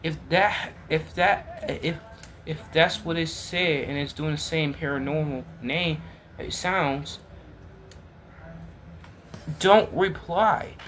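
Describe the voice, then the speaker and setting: A man's voice: on the high side, fairly even intonation, slow pace, fairly bright tone, slight background noise. Exasperated man reacting to a video. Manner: exasperated, repetitive, talks straight to viewers. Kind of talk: casual reaction commentary.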